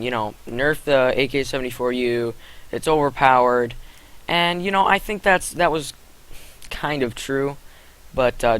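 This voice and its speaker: A man's voice: medium pitch, a bit bright, rough recording. A young man giving casual gameplay commentary, rambling with fillers and correcting himself as he goes. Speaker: gaming commentator.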